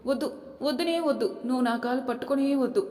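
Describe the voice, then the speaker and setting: An exasperated young husband who keeps scolding, as a woman narrator puts him on. The voice stays fairly high, with a long, roomy echo behind it. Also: fairly even intonation, moderate pace, darkish tone, close to an everyday voice. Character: gruff annoyed young husband. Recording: echoey room with long reverb.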